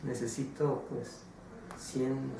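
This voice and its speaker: A man's voice: medium pitch, little pitch movement, extremely slow, creaky. A man narrates a story during a religious class, chatty and loose, with fillers and tag questions. His voice sits far from the microphone in a very reverberant room. A faint noise runs underneath. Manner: conversational, many filler words and tag questions. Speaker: religious teacher.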